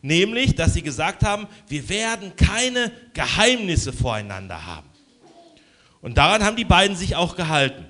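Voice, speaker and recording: Man telling a children's story. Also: normal speed. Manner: lively, with hushed low asides.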